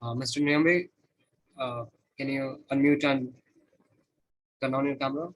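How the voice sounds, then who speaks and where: A man's voice: mid-range voice, steady tone, measured pace, dull audio, a little hiss or hum. Polite man moderating a video call. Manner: polite, prompting. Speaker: event moderator.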